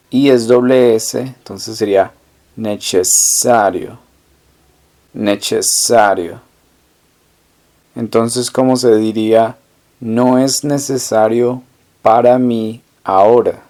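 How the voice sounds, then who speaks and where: A man's voice: medium pitch, fairly even intonation, takes it slowly, mellow. A man teaching a language course, asking how to say phrases and then repeating each answer carefully. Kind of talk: slow, deliberate language lesson narration.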